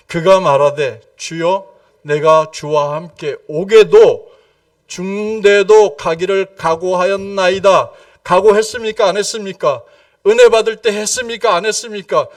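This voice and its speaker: A man preaching an evening prayer sermon as pastor, emphatic, firing repeated questions at the congregation and swinging from loud exclamations to hushed low lines. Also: no room sound, clean studio sound, recorded from a distance. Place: church sanctuary.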